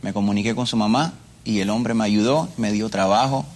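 This is a fairly quick, lowish male voice belonging to a Cuban interview guest. In a Cuban Spanish accent, he offers personal testimony, telling his story earnestly and frequently repeating what he says.

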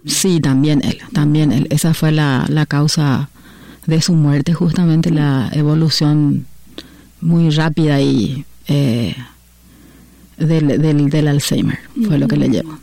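Mujer paraguaya de invitada en la radio, voz oscura y suave, habla con pausas y repite palabras, sonido seco. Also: female voice, low-pitched, fairly even intonation, warm tone, no room sound. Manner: hesitant, repeats words, earnest. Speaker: interview guest. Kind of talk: radio interview.

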